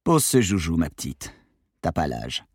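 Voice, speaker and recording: A man's voice: low-pitched, very animated, measured pace, a little mellow, husky, no room sound, clean studio sound, full character voice. A man voicing a cool, mocking male fugitive who talks down to two teenagers. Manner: sneering, condescending. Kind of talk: audiobook character voice.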